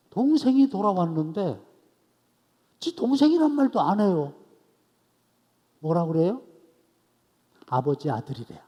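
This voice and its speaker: A male pastor preaching an expository sermon at an evening church service, telling the story with animated swings between loud outbursts and soft asides. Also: a little high, breathy edge, in a large hall.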